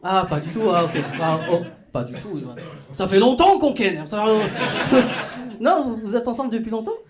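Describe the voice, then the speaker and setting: A man's voice: high-pitched, normal speed. A man doing stand-up comedy in a club, talking in a casual, slangy way and chatting with the crowd. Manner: casual slangy, animated, laughing through punchlines.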